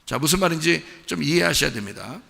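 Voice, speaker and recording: A male pastor delivers a conversational sermon, his voice bright and slightly gravelly, rising and falling in lively swings. He keeps checking in with the congregation through questions. The sound trails off in the long reverb of a church sanctuary. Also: fairly high pitch, quick pace.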